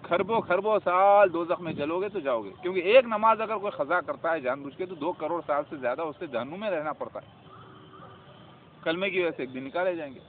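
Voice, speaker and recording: A man preaching to his viewers in a fervent, scolding religious monologue full of rhetorical questions. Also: fairly high pitch. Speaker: self-styled religious preacher. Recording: tinny phone-like audio with faint noise.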